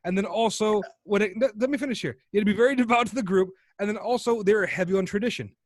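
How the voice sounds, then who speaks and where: An American man co-hosts a casual podcast chat, rambling and swearing as he tells a story and acts out the people in it. His voice is high and he talks fast. The studio sound is clean, with no echo.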